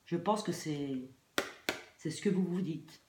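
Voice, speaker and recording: A low-pitched woman reads tarot cards informally for her online viewers while nursing a throat infection. She speaks hesitantly, often trailing off or circling back over the same phrase. The room is echoey, with faint noise behind her. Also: slow. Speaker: tarot card reader.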